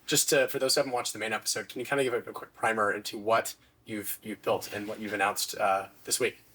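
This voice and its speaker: A man's voice: lowish voice, flat delivery, fast talker, bright, forceful tone, husky. A man hosting an interview podcast, asking questions in an upbeat way. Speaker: podcast host.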